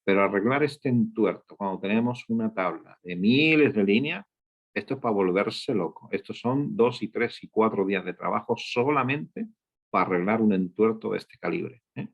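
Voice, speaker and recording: A data instructor leads a screen-share coding lesson, explaining step by step and checking in after nearly every point with frequent "¿eh?" and "¿ok?". His voice is lowish with vocal fry, at normal speed. The recording sounds dull and lo-fi.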